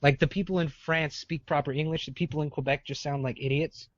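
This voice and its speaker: Man, blunt casual podcast co-host, mid-pitched, dull dry lo-fi sound. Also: fairly even intonation, no echo. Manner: blunt, opinionated, quick to laugh. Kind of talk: casual gaming podcast chat.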